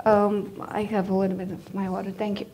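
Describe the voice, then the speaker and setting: A woman from Bulgaria, a dentist giving a conference presentation, hesitant with many fillers and losing her voice as she keeps clearing her throat. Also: medium pitch, little pitch movement, fairly quick, mellow.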